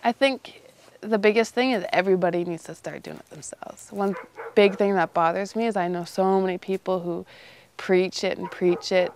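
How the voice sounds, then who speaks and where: A woman's voice: on the low side, slight background noise. A 21-year-old woman from northern Canada with a Canadian accent, speaking informally and loosely in a casual, unscripted interview. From Iqaluit, Nunavut, northern Canada. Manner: informal, loose phrasing with frequent "you know". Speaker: interviewee, young polar expedition member.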